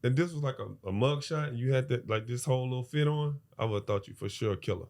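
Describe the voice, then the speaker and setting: A man's voice: medium pitch, fast talker, a little mellow. A man, a podcast guest chatting casually in laid-back slang and teasing the host.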